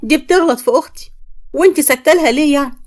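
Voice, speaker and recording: A woman's voice: high-pitched, very fast, pitched above the performer's own voice, natural voice. Woman doing an indignant young Egyptian girl. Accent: Egyptian Arabic.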